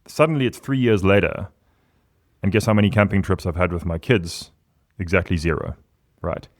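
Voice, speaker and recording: Guy, 40s, podcast guest, lowish voice, gets really animated and punchy. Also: normal speed. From South Africa. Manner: animated and emphatic, big pitch swings. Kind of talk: casual podcast conversation.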